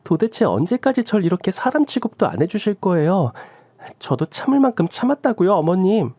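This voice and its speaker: A woman's voice: medium pitch, very animated, fairly quick, mellow, dry recording. A woman voicing a fed-up young daughter-in-law who reproaches her husband in a radio drama. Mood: defiant. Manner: pleading and reproachful.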